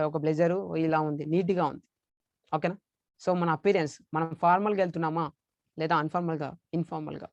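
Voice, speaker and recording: Male motivational trainer, rapid lecture delivery, emphatic and repetitive, close dry sound. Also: sits high, no room sound. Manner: emphatic, repeats key points, mixes English terms. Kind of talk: training lecture on public speaking.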